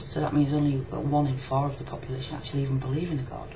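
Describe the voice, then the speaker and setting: She talks very fast in a very deep voice with flat delivery, a Yorkshire-accented video blogger answering in a personal video. The casual, frank, reflective clip was made indoors, and its muffled lo-fi webcam audio has clear background noise.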